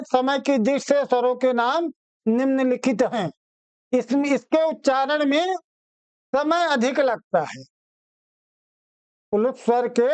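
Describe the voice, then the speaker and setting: A man teaching an exam-prep grammar lesson, calling his students children and repeating each phrase slowly so they can write it down. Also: very high-pitched, clear, resonant tone, no echo.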